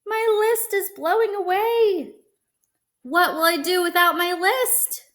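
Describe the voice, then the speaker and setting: A woman's voice: extremely high pitch, takes it slowly, fairly bright tone, voice pushed up, exaggerated voice. A woman voicing an earnest, fretful male toad from a children's storybook, speaking emphatically. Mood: panicked, wailing.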